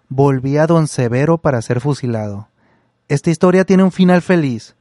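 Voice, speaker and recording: A man tells a story and then comments casually, with a drawn-out, indignant way of talking. His voice sits a bit high. The sound is dry and close, with no room echo. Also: warm tone.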